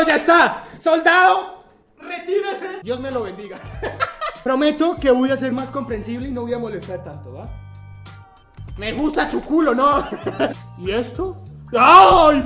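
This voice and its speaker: Young guy youtuber reacting to stuff, laughs all the time, voice jumps all over, music behind him. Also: extremely high pitch. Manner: animated, laughs often, shouts in surprise. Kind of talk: comedic reaction vlog. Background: background music.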